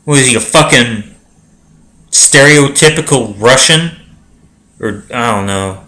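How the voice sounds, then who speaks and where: A man's voice: mid-range voice, lively intonation, unhurried, pushed and bright. A young man reading a dense book aloud and ranting about it with constant swearing and exasperation. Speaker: reader. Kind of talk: comedic profane reading commentary.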